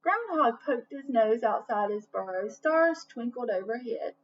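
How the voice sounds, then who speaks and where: Here a woman with a fairly high voice reads a storybook aloud for kids at a slightly slow pace. She narrates expressively, as if to young listeners, asking them questions and slipping in asides. The recording is lo-fi and dull, with faint noise.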